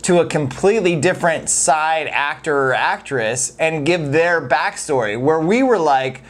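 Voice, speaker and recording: A man's voice: a little high, expressive, moderate pace. A man co-hosting a film review, talking casually and conversationally about what worked and what did not. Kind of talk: casual chatty movie review.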